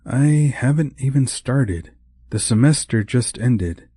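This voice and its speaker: A man voicing a cheerful, playful young woman teacher in an audiobook, lifting his voice higher and teasing. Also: animated, slow pace, warm tone, breathy edge, no room sound, clean studio sound. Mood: lively. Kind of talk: audiobook character voice.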